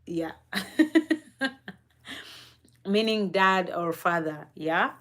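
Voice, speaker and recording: On a live stream, a young woman from East Africa recounts something personal at an unhurried, reflective pace. She speaks on the low side, often using fillers and laughing softly.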